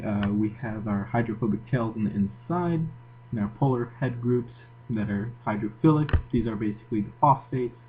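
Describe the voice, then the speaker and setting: Moroccan-accented man tutoring over tinny, phone-like audio. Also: mid-range voice. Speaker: science tutor. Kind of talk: educational video lecture. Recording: tinny phone-like audio, audible hum and hiss.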